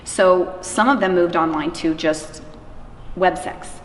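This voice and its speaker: Speaking slowly in a fairly low voice, an anti-trafficking worker gives emphatic, informal answers in a conversational interview about her work, acting out quotes to illustrate. The room echoes and reverberates, with clear background noise.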